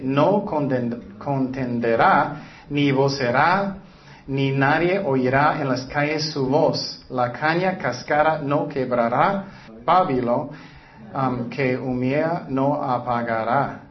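A man's voice: mid-range voice, slow. A man preaching a sermon in an earnest way, often putting rhetorical questions to the listeners. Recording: dull lo-fi recording.

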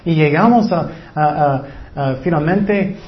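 A man with a high-pitched voice preaches a sermon, retelling stories and acting out what people said. He often stops and restarts his sentences. The sound is roomy and a little dull. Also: slow pace. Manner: storytelling with acted quotes, frequent restarts. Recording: roomy, slightly dull recording.

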